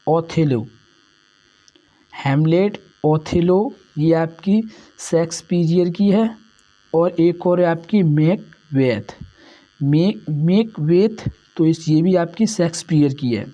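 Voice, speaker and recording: Mellow-voiced man tutoring for exams. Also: on the high side, slow, muffled recording. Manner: repeats each answer, keeps saying "friends". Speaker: exam-prep tutor. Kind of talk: exam-prep lesson.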